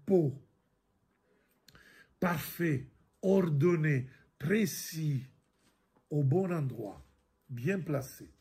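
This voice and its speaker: A middle-aged priest gives a catechism lesson, reading scripture and then explaining it. His voice sits a little high for a man and has a husky, gravelly grain. He talks very slowly, stumbling over words and repeating them as he works through each passage. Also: warm tone. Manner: slow, halting, repeats words, many fillers.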